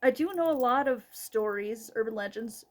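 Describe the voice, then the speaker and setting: High-pitched American woman, casual horror host. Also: lively intonation, moderate pace. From North Dakota, United States. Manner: rambling, informal, swears freely. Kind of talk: casual spooky storytelling vlog, chatting to followers.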